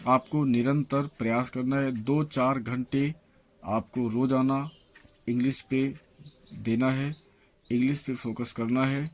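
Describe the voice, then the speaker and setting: A male English teacher reads through pronunciation lists at an unhurried, measured pace. He names each example word on its own before moving to the next. Between the lists he turns to his viewers with steady encouragement to keep practising. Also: medium pitch, a little hiss or hum. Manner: slow, listing words one by one. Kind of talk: reading out a pronunciation lesson.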